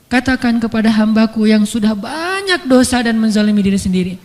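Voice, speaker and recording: A woman preaching a casual, conversational sermon, telling stories and acting out dialogue with shifting pitch. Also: a little fast. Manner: lively storytelling, acts out dialogue with shifting pitch. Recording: echoey hall with music behind.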